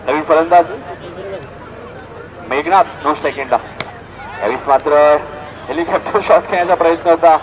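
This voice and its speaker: A man with a Maharashtrian accent calls live cricket and makes announcements at an outdoor local tournament. His voice is a little high and his speed normal, with long pauses, and he speaks emphatically, repeating the score as play goes on. The recording is noisy, with a loud crowd outdoors.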